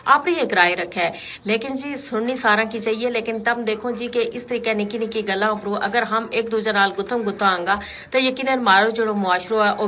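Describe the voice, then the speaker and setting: With a sharp tone and a mid-range voice, a female call-in radio host speaks to her audience off the cuff, in an explanatory, conversational style of talk radio commentary.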